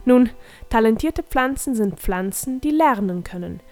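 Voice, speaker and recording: A woman's voice: on the high side, expressive, unhurried, warm tone, soft background music. Woman reading a proud old creature gardener. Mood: proud fussy.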